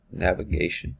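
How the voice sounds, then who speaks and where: A man teaching automation software over a screen recording, thinking aloud with ums and restarts. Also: sits low, vocal fry, husky. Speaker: automation instructor.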